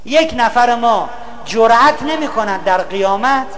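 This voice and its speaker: A man's voice: very high-pitched, expressive, a bit bright. A man giving a humorous lecture on values, telling stories and mimicking other people for laughs. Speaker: public speaker.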